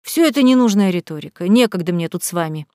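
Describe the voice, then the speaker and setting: A woman reading an audiobook, voicing a cold, contemptuous middle-aged male butler who speaks slowly and wearily. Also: fairly low pitch, expressive, a little mellow, no room sound, clean studio sound, close to an everyday voice. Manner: slow, contemptuous, weary.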